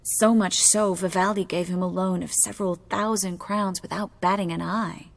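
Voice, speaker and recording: An actress voices a resolute young sorceress in a video game, sounding wry, weary, and conspiratorial. Her female voice is fairly low with fairly even intonation, and her delivery is measured and breathy.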